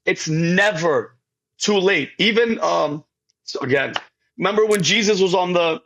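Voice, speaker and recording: Guy with a high raspy voice, rambling emotional testimony, repeats himself a lot. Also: a little slow, fairly bright tone, low-quality recording. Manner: rambling, repeats words, keeps addressing the host by name. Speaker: guest.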